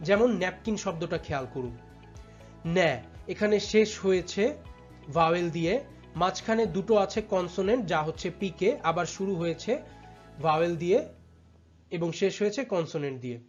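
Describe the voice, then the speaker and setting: A teacher giving a step-by-step lesson, patiently repeating words and drawing them out slowly syllable by syllable. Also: medium pitch. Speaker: English teacher. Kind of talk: step-by-step tutorial explanation. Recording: slightly dull audio with faint background music.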